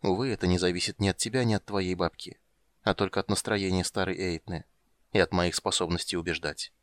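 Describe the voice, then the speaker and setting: A man reading an audiobook, voicing a weary, gruff monster hunter who talks in a dry, teasing way. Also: steady tone, a little fast, dry recording, close to an everyday voice. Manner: dry, teasing, low-key.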